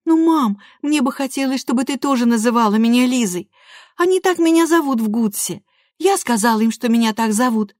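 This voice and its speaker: Storybook teenage girl, high bright voice, pleading and insistent, played by a woman reader. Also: lively intonation, fairly quick, dry recording, studio quality, close to an everyday voice. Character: eager, defiant teenage girl wanting to be grown up. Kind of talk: audiobook character voice.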